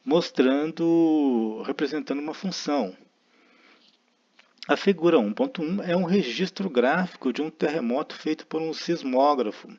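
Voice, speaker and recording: A man's voice: a little high, normal speed, darkish tone. A man with a Brazilian Portuguese accent teaching a math lesson, explaining step by step and often checking in with his listeners. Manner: explanatory, frequent tag questions, thinking aloud. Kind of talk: recorded lecture. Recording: dull lo-fi recording.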